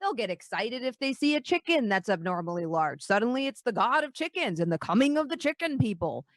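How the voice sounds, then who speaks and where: A woman's voice: a little high, big pitch swings, fairly quick, no echo. A woman voicing a pompous, exasperated male dwarf town leader with a formal, blustering manner in a tabletop game. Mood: grave, dismissive.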